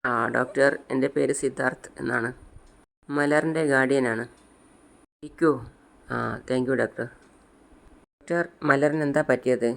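A man's voice: medium pitch, steady tone, measured pace, vocal fry, pauses often. A man voicing an earnest male guardian anxious about a sick child. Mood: polite.

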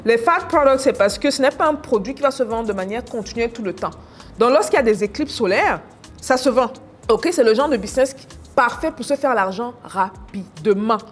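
A woman's voice: fairly high pitch, lively intonation, a little fast, soft background music. A woman business coach walking viewers through products on screen in a casual, teasing, exclamatory way. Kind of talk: casual screen-share teaching.

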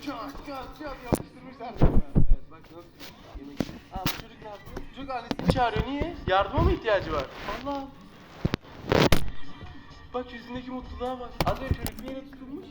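A man's voice: very high voice, lively intonation, brisk, loud music behind the voice, low-quality recording. A young man casually commenting on funny videos as a reaction host, exclaiming and laughing often with slangy remarks. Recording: heavy background noise.

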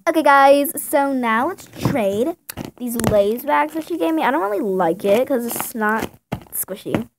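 A young female performer voicing a smug, bratty scammer girl in a toy role-play video, talking loud and showy. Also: high voice, lively intonation, measured pace, background noise.

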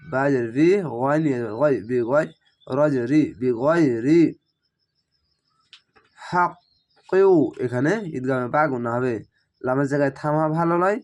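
A man teaching Quran reading, spelling each word syllable by syllable and then reciting it slowly and drawn out. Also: mid-range voice. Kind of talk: step-by-step recitation lesson.

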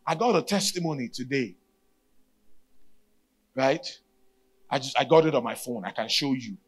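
A man's voice: mid-range voice, expressive, normal speed. A middle-aged man with a Nigerian accent preaching a sermon, emphatic and given to repeating key phrases. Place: stage at a church retreat, indoors. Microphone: handheld microphone.

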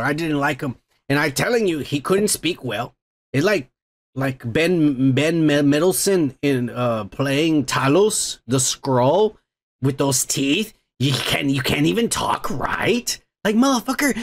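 A man's voice: a little high, creaky, fairly bright tone. A man hosting a show and reading viewer comments in a rambling, profane, casual way, his microphone heavily compressed. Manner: rambling, swears freely, frequent restarts. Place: home.

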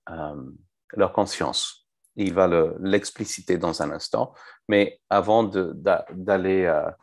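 A man's voice: deep voice, a little mellow. A man teaching a live online Bible study, explaining a passage and asking his viewers questions.

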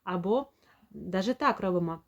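A woman speech therapist giving a home lesson, explaining calmly and demonstrating sounds slowly and clearly. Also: on the low side, highs cut off.

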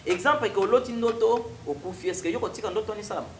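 A young prophet guest with a Congolese accent relates his testimony in a TV studio interview before a stone wall, trading between French and Lingala. He talks fast in a high, fairly bright voice. The space is reverberant, and a faint hiss or hum is audible.

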